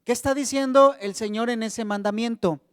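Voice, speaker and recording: A Mexican man with a fairly high voice preaching a sermon, talking to his congregation in a friendly, conversational way. His voice sits close and dry, with a long reverb tail from the hall around it. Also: normal speed, clean tone. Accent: Mexican Spanish. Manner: conversational, addresses congregation as brothers.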